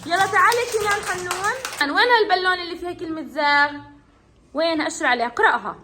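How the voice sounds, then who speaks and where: A woman's voice: extremely high pitch, rapid-fire, background noise. A woman teacher, leading children in a reading game and praising them often. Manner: encouraging, praising, calls on children by name. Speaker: kindergarten teacher. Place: classroom with children.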